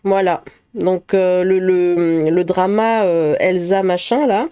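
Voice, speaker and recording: A woman's voice: lowish voice, fairly even intonation, takes it slowly, dark tone, clear, resonant tone, dry recording, dull audio. A woman YouTuber reading viewer comments aloud in casual chat, laughing often and swearing in chatty asides.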